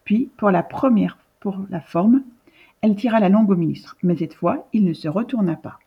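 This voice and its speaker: Storybook narrator, woman, husky and measured, dull lo-fi recording. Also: mid-range voice.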